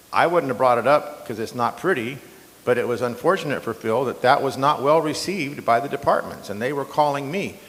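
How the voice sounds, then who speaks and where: A county supervisor already in office answers during a candidate debate, his loud, strong, mid-range voice a little hoarse. He sounds defensive yet chatty, leaning on filler words, and a long hall reverb trails his speech.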